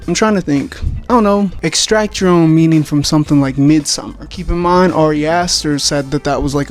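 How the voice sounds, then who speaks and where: A man's voice: a little high, darkish tone. A man hosting his video essay, who rambles casually, swears freely and pokes fun at himself. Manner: rambling, swearing, self-mocking.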